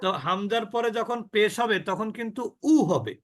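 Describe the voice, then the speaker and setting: A man with a high voice leads an online recitation class. He draws out syllables slowly to demonstrate them and keeps asking the students questions. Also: animated, a bit bright, slight background noise. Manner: slow drawn-out demonstrations of sounds, asks the class questions. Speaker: Quran recitation teacher.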